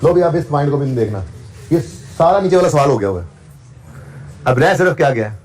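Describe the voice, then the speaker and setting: A man's voice: a little high, animated, fairly quick, a little mellow. A man teaching accounting to a class, explaining step by step, often checking with his students, and switching into English for technical terms. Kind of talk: classroom lecture.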